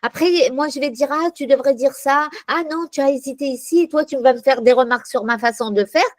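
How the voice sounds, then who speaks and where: A woman taking part in a casual group training chat, talking in a lively, encouraging way. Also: high-pitched, a little fast, no room sound.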